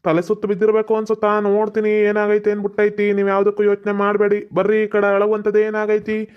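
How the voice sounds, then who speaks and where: A man's voice: high-pitched, completely flat delivery, fast talker, clear, resonant tone, lightly acted. A man playing a boastful village doctor. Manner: boastful, reassuring, lecturing. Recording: dull lo-fi sound.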